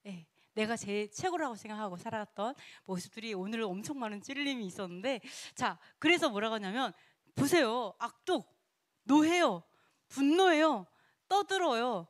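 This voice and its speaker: A woman teaching a casual sermon in a lively way. She laughs often and acts out quoted speech. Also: fairly high pitch, normal speed, dry recording, clean studio sound. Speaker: Bible teacher.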